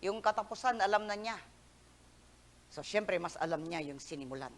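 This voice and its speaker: A woman pastor giving a Sunday sermon, mixing Tagalog with English, swinging from loud emphatic peaks to soft near-whispers and stretching words out for emphasis. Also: mid-range voice, animated, normal speed. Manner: mixes Tagalog with English phrases.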